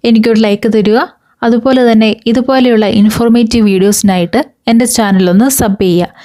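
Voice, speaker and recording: A woman with a slightly high, mellow voice hosts a video channel explainer, guiding viewers step by step and posing rhetorical questions.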